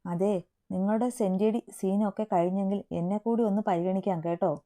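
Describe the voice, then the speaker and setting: A woman's voice: fairly low pitch, a little slow, warm tone. Woman reading a sulky, sarcastic young woman. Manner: pouting, sarcastic.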